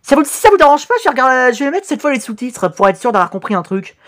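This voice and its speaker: A woman from France giving animated, laughing reaction commentary on fan animations, swearing casually. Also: high voice, quick pace. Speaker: YouTube reactor.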